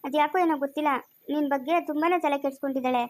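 A young woman playing a blunt, practical student friend who talks in a brisk, scolding way in a family skit. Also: sits high, fairly even intonation, a little mellow, lightly acted. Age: young adult. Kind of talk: amateur family skit acting.

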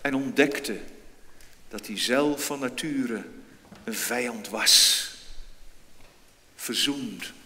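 A male pastor preaching a sermon in a church, slow and deliberate, with sudden emphatic rises in pitch and volume. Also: bright, forceful tone. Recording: long church reverb, faint noise.

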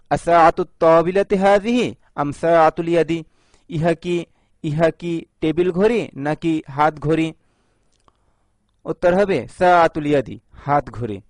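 A man teaching an Arabic grammar lesson, reading each phrase slowly and repeating it before translating. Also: a little high, no room sound.

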